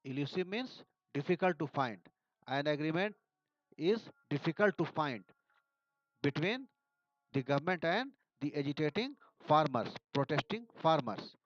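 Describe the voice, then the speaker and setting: A man's voice: fairly high pitch, expressive, normal speed, no echo. A man with an Indian English accent, teaching a lesson, reading editorial passages aloud and then explaining the words. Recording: dull, dry sound.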